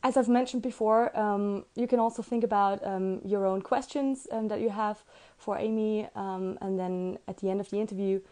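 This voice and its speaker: A woman's voice: medium pitch, steady tone, moderate pace, hardly any pauses, mellow, poor audio. A woman hosting a live-stream interview, chatty and giggly, with many fillers. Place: indoors, on a live video stream.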